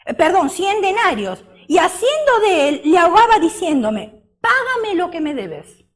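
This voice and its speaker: A woman preaches a sermon in a high, very animated voice. She speaks slowly and drops her voice low on key words. She often puts questions to her listeners and acts out the story she is telling. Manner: asks the congregation questions and dramatizes the parable.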